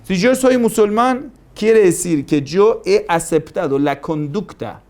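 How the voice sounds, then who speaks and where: A man preaching, his voice sitting a little high for a man. He lectures emphatically, circling back to key phrases and firing rhetorical questions at his listeners. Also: measured pace, a little mellow. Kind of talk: religious lecture.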